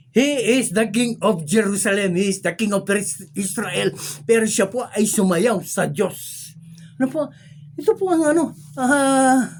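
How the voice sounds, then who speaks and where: Woman pastor preaching, higher voice, keeps asking the crowd stuff, bit of hiss behind. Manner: lively preaching, keeps prompting listeners with questions; mixes English phrases into the talk. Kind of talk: sermon.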